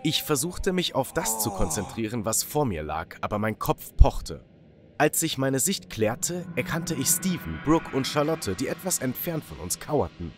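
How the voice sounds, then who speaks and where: Male narrator, animated storytelling, music bed behind. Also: mid-range voice, moderate pace. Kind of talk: scripted first-person storytime narration.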